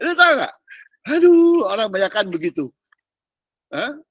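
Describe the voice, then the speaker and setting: A man preaching, teasing and animated in slangy street talk, mimicking people as he goes. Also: high voice, measured pace, no echo, muffled recording. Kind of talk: sermon.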